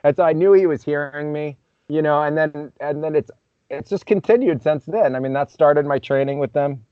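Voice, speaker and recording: A man's voice: fairly high pitch, moderate pace, no echo. A man as a podcast guest, telling a story in a reflective, loose way full of "you know" fillers. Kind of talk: conversational storytelling. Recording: slightly muffled, dull audio.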